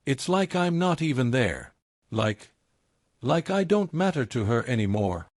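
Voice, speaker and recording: A man voicing an upset, scared teenage girl who speaks quietly and haltingly in a story reading. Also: medium pitch, very animated, dry recording, studio quality. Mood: shaky.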